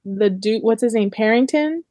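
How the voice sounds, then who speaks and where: A woman's voice: fairly high pitch, normal speed, dark tone, no echo. A woman with a slightly raised voice chats casually about a book with her friends, stringing thoughts together with plenty of "like". The sound is close and dry, with no room around it. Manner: chatty, heavy use of "like" fillers. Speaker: book discussion co-host. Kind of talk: casual book club chat.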